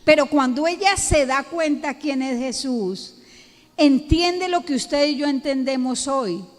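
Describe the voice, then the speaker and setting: A woman's voice: sits high, lively intonation. A woman pastor with a Colombian accent delivering an emphatic sermon, drawing out words and rising to peaks. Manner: emphatic, slow, drawn-out preaching with rising peaks. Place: church hall. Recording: long church hall reverb.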